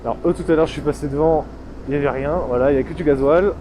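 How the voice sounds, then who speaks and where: A man with a southern French accent talks in a loose, rambling way while out riding his motorcycle and swears freely. His voice is mellow and a little high, with faint noise behind it. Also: steady tone, very fast, low-quality recording. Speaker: motorcycle vlogger. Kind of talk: casual vlog while riding.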